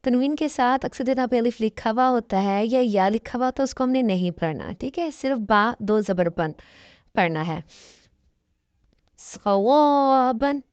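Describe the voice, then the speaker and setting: A woman teaching Quran recitation with an Urdu accent, patiently explaining rules and sounding out each syllable slowly. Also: on the high side, no room sound, muffled recording. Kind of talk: slow spelled-out lesson with drawn-out syllables.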